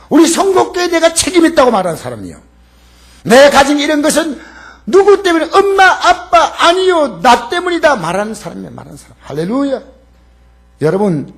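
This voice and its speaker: Animated high-voiced pastor preaching. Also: male voice. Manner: emphatic, calls for the congregation to repeat after him. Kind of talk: sermon. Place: church sanctuary.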